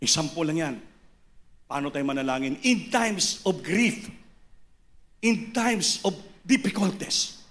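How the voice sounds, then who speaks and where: A man preaching a sermon, impassioned, swinging between shouted lines and hushed low passages.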